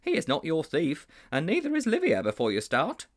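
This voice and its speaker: Pitching his voice fairly high, above his natural register, a man briskly portrays an anxious, earnest older schoolteacher. His delivery is animated, formal and slightly fussy.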